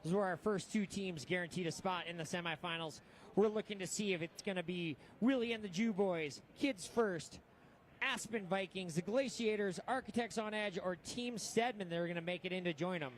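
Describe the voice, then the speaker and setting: A man with a notably high voice works as a race caller, following the action as it happens. His live sports commentary comes with audible event noise behind it. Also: fairly quick. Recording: clear background noise, outdoor event ambience.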